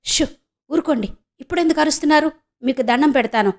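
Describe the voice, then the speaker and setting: A woman's voice: on the high side, normal speed, darkish tone, natural voice. Woman doing an earnest young village girl. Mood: anxious, pleading. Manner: earnest, pleading. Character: young village woman searching for lost brother.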